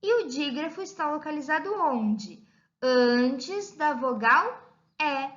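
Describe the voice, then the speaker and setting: A Brazilian Portuguese–accented primary school teacher gives a recorded lesson to young children in a bright, high voice. She stretches out each phrase in a slow, sing-song teacherly way, with lively intonation. The audio is slightly dull and lo-fi.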